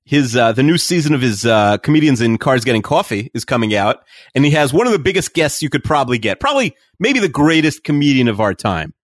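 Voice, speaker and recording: A man's voice: mid-range voice, big pitch swings, fast talker, dry recording, studio quality. A man co-hosting a casual podcast, rambling with lots of "uh" and "like". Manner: rambling with many fillers. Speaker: podcast co-host.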